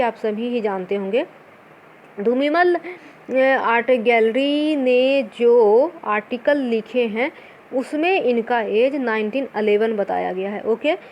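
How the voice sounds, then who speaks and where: A woman with a high voice teaches an exam-prep lesson. She poses her own questions and answers them, mixing in English terms. Faint noise hums behind her. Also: darkish tone. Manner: mixes English words into her talk.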